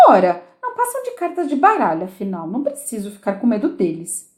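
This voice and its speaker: A woman's voice: medium pitch, wildly swooping pitch, brisk, darkish tone, reverberant. A woman voicing a polite, bold little girl who answers with decided courtesy.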